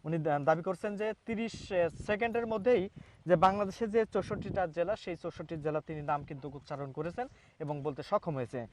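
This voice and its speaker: A man reporting from Bangladesh who introduces his guest and talks in a halting, repetitive way, full of fillers and restarts. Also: high-pitched, slight background noise. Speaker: reporter hosting a local news interview. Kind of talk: on-camera interview with a timed demonstration.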